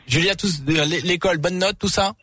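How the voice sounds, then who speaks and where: A man's voice: high voice, moderate pace, bright, forceful tone, dry recording, faint music behind. A young man hosting a late-night call-in radio show from a studio, joking and teasing the callers. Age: young adult. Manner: teasing, jokey, talks over callers. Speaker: radio host. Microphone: studio microphone.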